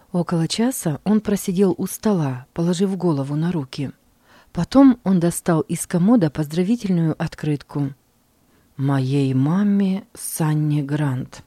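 A woman reading a story aloud in a calm, measured way. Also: deep voice, dry recording. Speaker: narrator. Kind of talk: scripted audiobook narration.

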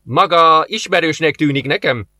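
A man voicing a stern, commanding male first officer in an audiobook, speaking briskly in a dry recording. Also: fairly high pitch, sharp tone, no echo, voice pushed up.

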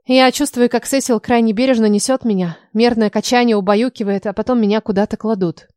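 A woman reads a first-person story with a wry, ironic turn of phrase. Her voice sits somewhat high, and the recording is close and completely dry. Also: steady tone, brisk, a little mellow, no echo. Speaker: audiobook narrator. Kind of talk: first-person audiobook narration.

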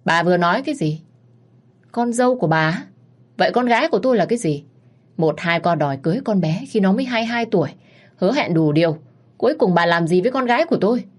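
A woman voicing a furious, protective middle-aged mother who shouts and scolds in a storybook reading. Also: fairly low pitch, lively intonation, moderate pace, pauses often.

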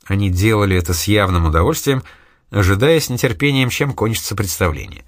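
A man narrating an audiobook in a steady, even reading style. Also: fairly low pitch, fairly quick, dry recording, studio quality. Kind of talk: scripted narration.

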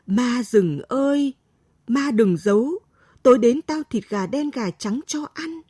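A woman's voice: on the high side, expressive, takes it slowly, dark tone, slightly rough, dry recording, clean studio sound, pitched above the performer's own voice, heavily acted. A woman voicing a frightened young village girl. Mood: pleading chant. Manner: crying out, chanting a spell.

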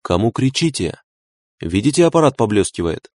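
A man reading an audiobook, voicing a calm, learned male engineer who speaks in a firm, measured way. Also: on the low side, no echo, clean studio sound.

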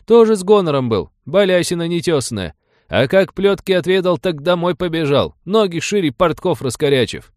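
A cocky young noble cossack with a raised, loud, taunting voice that snaps out insults, as a male narrator puts him on. He is hot-headed and scornful, all bluster and sneer in a storybook reading, recorded dry and close. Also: on the high side, lively intonation, normal speed, no room sound, pitched above the performer's own voice, close to an everyday voice. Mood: mocking.

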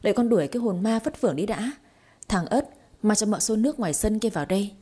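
A woman reading a story, voicing a sharp-tongued young wife who fakes exorcism chants in mock gibberish. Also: mid-range voice, animated, fast, husky. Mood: brash. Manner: brash, mocking, gibberish chanting.

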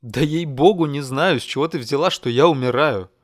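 A man voicing a cocky, amused wounded lord who teases in a low, easy tone. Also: normal speed, no echo, clean studio sound, close to an everyday voice. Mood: teasing. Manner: low, mocking, easygoing.

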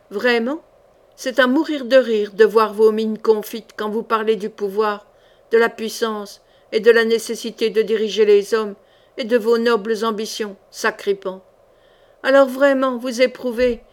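A woman's voice: mid-range voice, lightly acted. Woman voicing a raving mad king. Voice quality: raspy, powerful voice. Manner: ranting, thunderous outbursts. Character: mad middle-aged king, raving and bitter.

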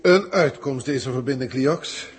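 In a reverberant 1960s radio studio, an actor voices an old, emotional alien senior proctor, a male teacher who is wry and reluctant. His husky, medium-pitched voice moves unhurriedly as he speaks theatrically in formal, archaic phrases.

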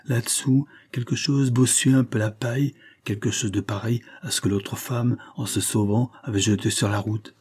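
A man reading a literary novel aloud in measured, steady storytelling. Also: medium pitch, slightly rough. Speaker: audiobook narrator. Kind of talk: literary audiobook narration.

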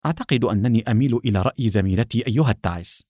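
A man voicing a cool, sarcastic male secret agent who speaks calmly and coldly. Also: mid-range voice, fast talker, dry recording, clean studio sound, close to an everyday voice. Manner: calm, mocking, cold.

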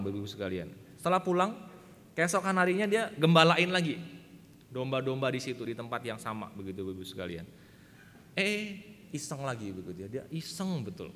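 A man's voice: mid-range voice, a bit bright, in a large hall. A man preaching a sermon, emphatic and often addressing the congregation directly, telling a story. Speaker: pastor. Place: church hall.

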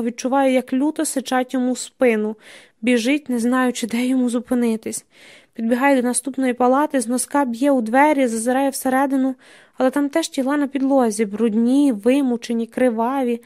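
A woman's voice: high-pitched, steady tone, a little fast, a little mellow. Woman reading a novel aloud. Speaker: audiobook narrator. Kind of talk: scripted literary narration.

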